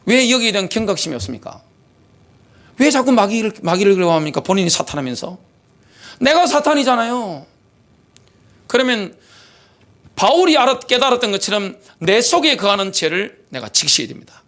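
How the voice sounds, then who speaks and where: A man's voice: sits high, big pitch swings, brisk, pauses often, a bit bright. A middle-aged man, a pastor, preaching a sermon animatedly with many rhetorical questions. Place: church sanctuary.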